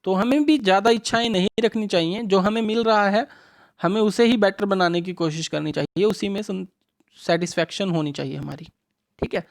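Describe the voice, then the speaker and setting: A woman teaching a revision English lesson to schoolchildren, asking questions and answering them herself, reading English lines out slowly, mixing Hindi with English words. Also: mid-range voice. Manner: reads English sentences out slowly.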